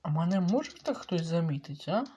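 Excitable cursing man playing a game. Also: on the high side, brisk, slight background noise. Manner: excitable, swearing, yelling at game mobs. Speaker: let's play gamer. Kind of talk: casual gameplay commentary.

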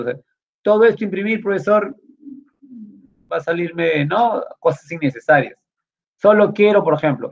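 Slightly high and creaky, a man's voice guides a computer class through each step of the lesson. He keeps checking in with short tag questions, and the classroom recording has a dull, lo-fi quality.

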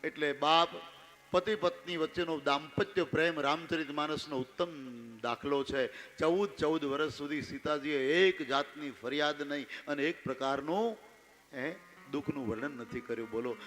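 Man, Gujarati accent, devotional preacher, expressive storyteller, ringing bright tone. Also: a little high. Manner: expressive storytelling, addresses audience directly. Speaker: Ram Katha preacher. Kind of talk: devotional sermon with sung verses.

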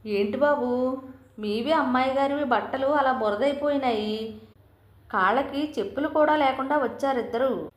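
A mustached village servant who asks plain, inquisitive questions, as a woman narrator reads him. The voice stays a little high with a roomy echo. It is part of a storybook reading. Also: normal speed, natural voice. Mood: curious.

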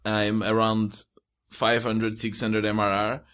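This young Portuguese-accented man speaks slowly and in a monotone, his lowish voice a bit bright, clear and resonant. He's an indie entrepreneur appearing as a podcast guest for a casual interview, recording from a small room at home on a close studio mic with a pop filter.

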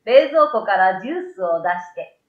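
A very animated middle-aged woman with a medium-pitched voice reads a children's story from a script at a normal speed. She records into a desktop condenser microphone in a small room, and the result sounds roomy and a little dull.

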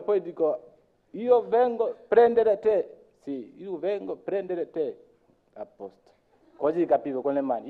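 A man from Kenya with a Kenyan accent, talking informally at a conference in a halting way, searching for words and acting out what others said. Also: medium pitch. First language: Luo. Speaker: conference speaker. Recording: tinny phone-like sound.

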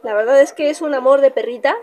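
Young mexican woman, high voice, casual pet vlog chatter, coos at her dog a lot. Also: fast talker, darkish tone. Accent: Mexican Spanish. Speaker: vlogger.

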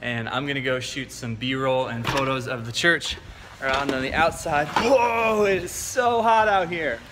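A man's voice: mid-range voice, measured pace, background noise. A young man chatting upbeat and playful into a handheld camera as he travels. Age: young adult. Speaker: vlogger. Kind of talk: casual travel vlog. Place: airports, plane, car, hotel room. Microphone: handheld camera at arm's length.

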